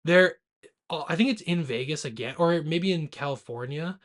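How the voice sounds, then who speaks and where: A man co-hosts a movie podcast, chatting casually and irreverently in a loose, rowdy manner. He's a bit tipsy after a couple of beers, and his fairly bright voice is a little high and moves at normal speed.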